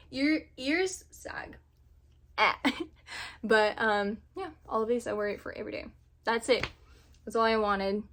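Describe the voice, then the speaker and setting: Young woman vlogger from indonesia, casual chatty talk, kinda high voice, laughs a lot. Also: unhurried, pauses often. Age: 20s. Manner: chatty, animated, laughs often. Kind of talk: casual chat to camera.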